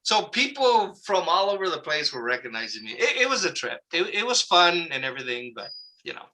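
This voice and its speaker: Guest, male, 60s, bright ringing voice pitched a little high, lively storyteller. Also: fairly quick, low-quality recording. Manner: animated anecdote-telling, acts out quoted people. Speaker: interview guest. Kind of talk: casual storytelling interview.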